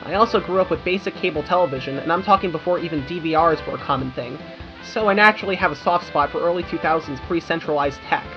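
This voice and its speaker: Speaking fast in a low register, a young American woman delivers scripted video-essay narration with casual asides, sounding like a creator walking her audience through it in a wry, informal tone. Music runs behind her, and the recording is slightly dull.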